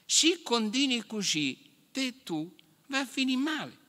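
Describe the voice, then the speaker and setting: A man's voice: very animated, measured pace, pushed and bright, heavily acted. A man voicing a small peasant boy who scolds a knight, in a Marche dialect from the Fabriano area. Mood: scolding. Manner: reproachful, high-pitched. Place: stage in an event hall. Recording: reverberant hall.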